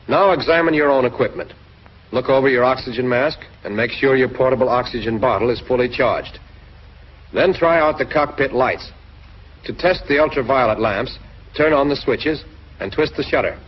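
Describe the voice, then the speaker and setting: A mid-range male voice with a breathy edge narrates a training film from a script, instructing the listener head-on. The sound has the dull, lo-fi character of a 1940s film soundtrack.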